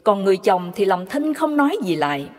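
A woman narrating devotional stories in a measured, reverent way. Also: mid-range voice, sing-song. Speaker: storyteller. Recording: long hall reverb.

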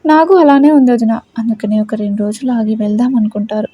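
A woman's voice: a little high, fast, dark tone, natural voice. A woman voicing a worried middle-aged mother who confides her fears. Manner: anxious, confiding.

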